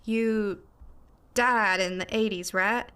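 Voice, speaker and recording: A woman's voice: medium pitch, fairly even intonation, slow, fairly bright tone, smooth. An actress playing a chatty, sweet young woman ghost in an audio drama. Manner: bubbly, folksy, chatty.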